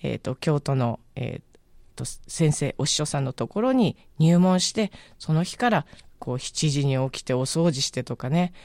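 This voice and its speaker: A woman's voice: sits low, expressive, normal speed, a little mellow, dry recording. A woman radio host casually recommending a book on air, chatty and musing, often searching aloud for the right word.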